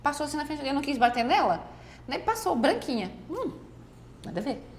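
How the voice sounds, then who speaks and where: A woman tells a personal faith story in a lively conversational way. Her voice sits fairly high, and she acts out other people's words as she goes. A faint hiss of background noise runs under the recording. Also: fairly quick. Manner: animated storyteller, quotes others often. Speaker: guest. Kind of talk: casual testimony in a faith conversation.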